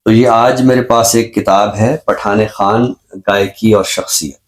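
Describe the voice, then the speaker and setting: This Pakistani-accented man presents a show and gives an unscripted book review, his explanations careful and scholarly. His voice is on the lower side and his tone stays steady.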